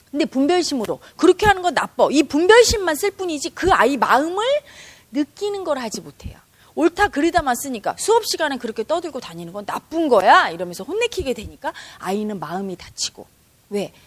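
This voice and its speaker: A woman teaching meditation in a spiritual talk to an audience, expressive and acting out the dialogue she quotes. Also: fairly high pitch, slightly rough, dry recording.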